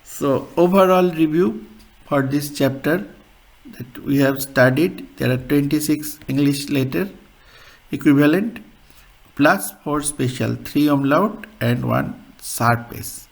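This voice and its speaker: A man teaching a beginner language lesson, slowly saying each example word twice and using non-native English phrasing. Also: on the high side, gravelly. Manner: slow, careful, repeats example words.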